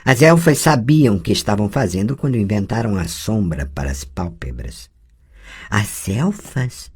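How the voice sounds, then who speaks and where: A reader putting on a calm, teasing sorceress from an audiobook, speaking softly and a little lower than usual. Her pitch swings in a lively way as she corrects her young pupil with patience. The feel is a gentle storybook scene. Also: measured pace, breathy edge, full character voice. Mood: tender. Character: patient adult sorceress woman, teasing teacher. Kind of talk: audiobook dialogue reading.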